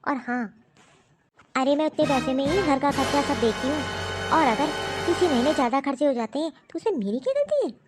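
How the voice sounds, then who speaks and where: A stubborn, untruthful young wife from a cartoon story, voiced by a woman, answering back defiantly. Her voice is high and bright. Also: expressive, brisk, over loud music. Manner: defiant and argumentative. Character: defensive young wife and mother, lying and stubborn. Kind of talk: animated story voice acting.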